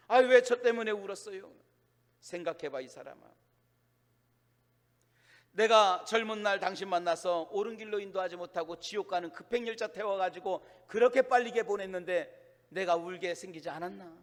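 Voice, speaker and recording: A tearful, remorseful older pastor, as a male preacher puts him on, speaking in an earnest, choked-up confession. His voice sits high for a man and rings out with a long church reverb. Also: natural voice. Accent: Chungcheong.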